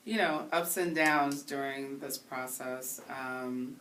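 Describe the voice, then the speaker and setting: Really deep-voiced woman dj from haiti, thoughtful, kinda far from the mic, bit of hiss. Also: steady tone, a bit bright. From Haiti, raised in the Bronx. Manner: thoughtful, earnest, pausing to find words. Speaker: interview guest. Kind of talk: casual interview. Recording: voice somewhat distant from the mic, faint hiss.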